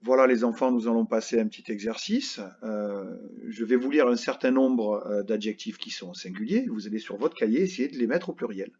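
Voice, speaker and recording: A male primary school teacher giving a recorded grammar lesson to children, speaking slowly and patiently and spelling words out letter by letter. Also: on the low side, darkish tone, husky, highs cut off.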